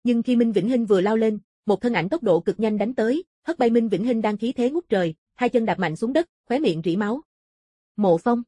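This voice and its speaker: A woman reading a scripted fantasy martial-arts story as an audiobook narrator, with a husky, soft-edged voice. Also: on the high side, animated, fairly quick, hardly any pauses, no echo, clean studio sound.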